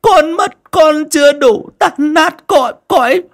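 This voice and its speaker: A callous daughter-in-law putting on drawn-out, theatrical wails. Her sobbing cries sit very high and loud, every syllable stretched out. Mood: theatrical wailing.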